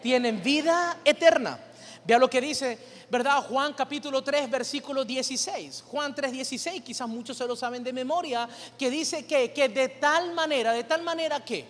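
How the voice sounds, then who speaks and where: A male pastor preaching in a high voice, throwing rhetorical questions at the congregation and drawing answers back from them. His sermon rings with the long reverb of a church hall. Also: moderate pace, a bit bright.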